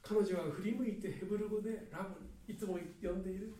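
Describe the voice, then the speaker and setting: A man preaching a sermon earnestly, swinging between loud and hushed delivery. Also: sits high, fairly even intonation, fast. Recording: echoey hall, mic at a distance.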